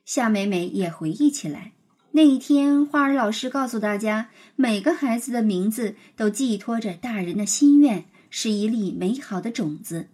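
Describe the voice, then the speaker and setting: A woman with a husky voice narrating a children's storybook in an expressive read-aloud manner. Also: a little high, moderate pace.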